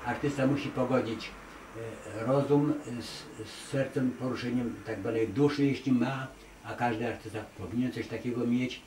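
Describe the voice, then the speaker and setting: A man's voice: medium pitch, normal speed, far from the mic. A man talking emphatically and rambling a bit, stumbling over fillers and repeating himself for emphasis. He sits some way from the microphone in an echoey room. A faint hiss of noise runs underneath. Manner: emphatic, digressive, with many hesitations and repeated "nie". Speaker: artist interviewed as award laureate. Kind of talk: conversational interview answers.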